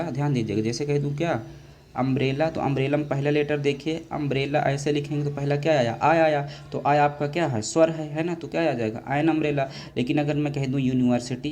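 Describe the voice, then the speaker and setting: Teaching grammar for an exam, a man speaks in a darkish voice that sits on the high side. He constantly questions and then answers himself, calls his students dear children, and pronounces English words in a slow, drawn-out way.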